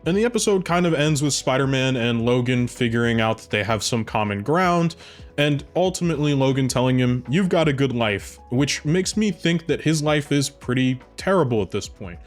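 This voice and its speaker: A man's voice: medium pitch, lively intonation, normal speed. A man giving casual commentary as a video reviewer, talking in a chatty way with offhand asides. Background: faint background music.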